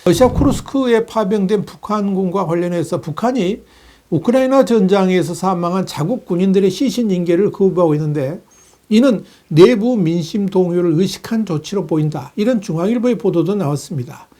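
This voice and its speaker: A man delivering a steady, measured news analysis, reading reports with the occasional filler. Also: high voice. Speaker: news commentator.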